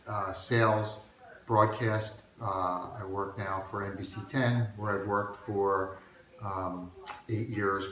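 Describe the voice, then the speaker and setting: A man's voice: on the low side, a bit bright. Middle-aged man in a very echoey room. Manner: hesitant, with many uhs. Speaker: advertising sales worker. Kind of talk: interview answers.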